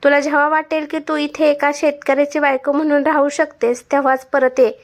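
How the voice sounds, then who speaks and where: A woman's voice: high-pitched, flat delivery, a little fast. A woman voicing a young farmer husband in a spoken storybook, patient but stern and reproachful. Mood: firm.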